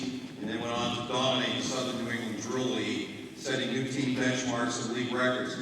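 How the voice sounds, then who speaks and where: A man reading a scripted ceremony announcement in formal, measured phrases, heard from a distance in a big noisy hall. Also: medium pitch. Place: large indoor hall. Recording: echoey hall from far off, noisy.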